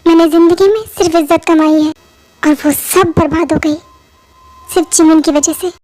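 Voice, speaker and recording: A woman's voice: very high voice, steady tone, normal speed, a little mellow. A woman voicing a stern, angry father who speaks harshly in a fan-made audio drama dub. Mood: bitter. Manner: harsh, cold, scolding.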